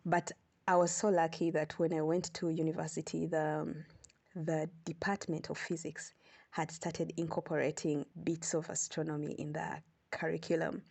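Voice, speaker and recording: A woman from Uganda, an astronomer, telling her story as a podcast guest in an unhurried, easygoing way. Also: low voice, little pitch movement, gravelly, a little mellow. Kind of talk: podcast interview.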